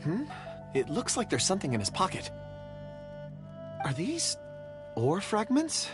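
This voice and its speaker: An actor playing a gentle, polite, earnest young man with a dreamy air in a video game. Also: high voice, wildly swooping pitch, measured pace, over music, exaggerated voice. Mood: curious, intent.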